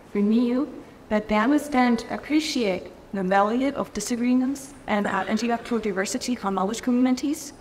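A woman's voice: mid-range voice, a little hiss or hum. German woman giving an academic keynote at a podium, careful, keeps restarting sentences, long hall echo. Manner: careful, with frequent restarts and fillers. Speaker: keynote speaker. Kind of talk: conference keynote lecture. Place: large conference hall stage. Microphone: lectern microphone. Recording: reverberant hall, faint ambience.

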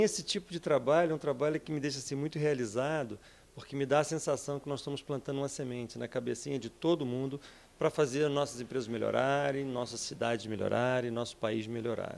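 A Brazilian entrepreneur in his fifties giving an energetic, persuasive interview in an office, speaking into a handheld mic. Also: medium pitch, creaky. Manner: energetic, persuasive, frequent tag questions. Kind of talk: interview answers. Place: office with bookshelves, indoors.

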